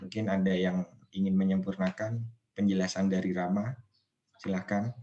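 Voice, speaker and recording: Lecturer, male, low voice, measured and unhurried, online class, faint background hiss. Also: flat delivery, dark tone, dull audio. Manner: slow, measured, asks students questions. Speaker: nursing lecturer.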